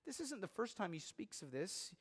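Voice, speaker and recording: A man preaching in earnest, his slightly high voice pressing harder as he drives each point home. His words ring out with a long reverb across a large church sanctuary. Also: big pitch swings, normal speed, a bit bright, slightly rough. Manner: earnest, building to emphatic preaching. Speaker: pastor. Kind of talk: sermon.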